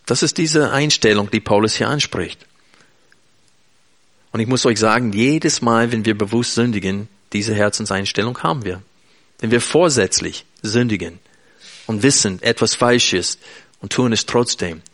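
A man's voice: fairly low pitch, normal speed, a bit bright. A man preaching an earnest, emphatic sermon in German, speaking directly to his listeners.

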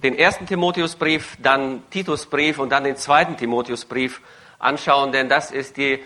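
A man's voice: medium pitch, steady tone, normal speed, bright, forceful tone, slight background noise. A man interpreting a sermon live, phrase by phrase, with the odd hesitation and self-correction.

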